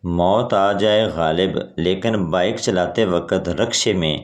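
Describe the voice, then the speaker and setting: A man narrating a string of scripted jokes in a steady storytelling delivery, reading every character's lines himself. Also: low-pitched. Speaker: joke narrator.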